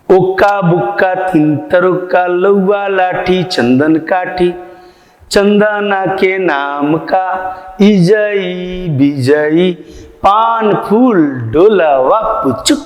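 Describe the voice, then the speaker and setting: A male teacher gives a grammar lesson to children, slowly explaining and asking and answering his own questions. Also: sits high. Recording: echoey room with long reverb.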